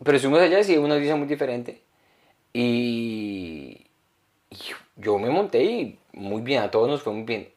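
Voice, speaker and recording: A young man co-hosting a comedy podcast, telling stories in a lively, rambling way. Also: mid-range voice. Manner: animated, rambling storyteller. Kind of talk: casual podcast chat.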